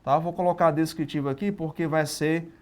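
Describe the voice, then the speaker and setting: A man with a Brazilian Portuguese accent teaching a live online exam-prep lesson, lively and constantly checking in with tag questions. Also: fairly high pitch, brisk. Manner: lively, asks and answers own questions, frequent tag questions.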